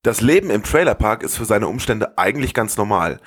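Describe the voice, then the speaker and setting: A man's voice: fairly low pitch, animated, fairly quick, husky. A man narrating a film recap in a wry, sarcastic way. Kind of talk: scripted narration.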